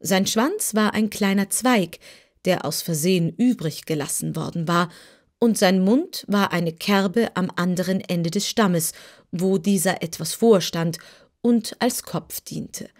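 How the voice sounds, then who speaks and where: A woman's voice: lowish voice, a little mellow. Woman reading a storybook aloud. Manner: measured storytelling. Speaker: audiobook reader. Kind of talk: scripted narration.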